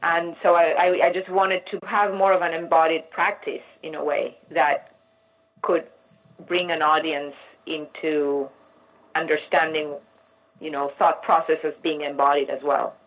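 A middle-aged artist from Argentina, giving thoughtful interview answers and searching for words with frequent restarts. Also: female voice, low voice, little pitch movement, unhurried. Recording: muffled lo-fi line.

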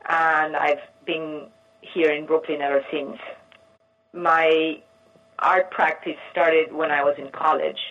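A middle-aged artist from Argentina, giving thoughtful interview answers and searching for words with frequent restarts. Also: female voice, deep voice, little pitch movement, takes it slowly, fairly bright tone. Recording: muffled lo-fi line.

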